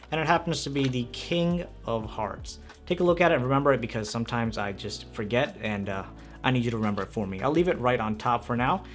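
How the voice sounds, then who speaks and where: A man's voice: a little high, fairly bright tone. A man presenting a magic tutorial in casual, upbeat card magician patter, speaking straight to the viewer.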